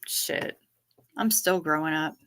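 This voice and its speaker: A woman's voice: sits low, slow, fairly bright tone, smooth. A woman livestreaming casual chat, from northern Minnesota, with a mixed East Coast and Southern accent, chatty and casually profane. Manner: chatty, swears casually, repeats what others say. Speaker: livestream host.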